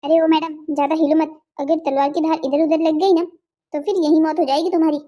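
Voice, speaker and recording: Cartoon villain: woman playing a sneering male kidnapper, high and soft-toned, taunting. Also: fairly even intonation, fairly quick, lightly acted. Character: swaggering male sword-wielding kidnapper, mocking.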